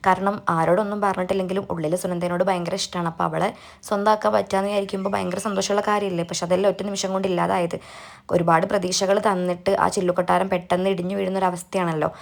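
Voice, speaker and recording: A woman recaps a TV serial for her channel at a brisk clip, retelling scene after scene as if to a friend. Her voice carries a gravelly fry. She keeps adding small conversational asides. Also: lowish voice, flat delivery. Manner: chatty, retells scenes with a running "kētto" aside. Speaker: YouTube serial reviewer. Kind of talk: casual episode recap.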